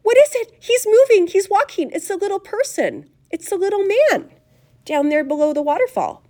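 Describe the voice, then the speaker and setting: A woman's voice: very high voice, very animated, normal speed, a little mellow, pitched above the performer's own voice. A woman voicing a spoiled little girl who shrieks frantically. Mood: frantic shrieks.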